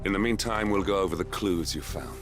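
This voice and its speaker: Actor as deep, grave covert operative. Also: male voice, music in the background, lightly acted. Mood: grave, resolute. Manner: measured, serious. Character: grave, purposeful male covert operative planning missions. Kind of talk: video game voice acting.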